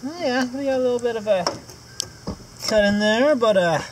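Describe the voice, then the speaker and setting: A man's voice: very high voice, moderate pace, noisy background. A man hosting a casual video while working on a vehicle at home, rambling with many filler words and dry, self-mocking humor. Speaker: host. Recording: crickets and insects chirping loudly behind.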